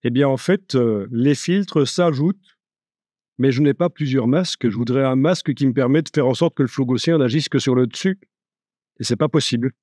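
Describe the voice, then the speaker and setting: A man giving a live software tutorial, chatty and joking, thinking aloud as he works. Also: mid-range voice, moderate pace, no room sound, clean studio sound. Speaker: software instructor.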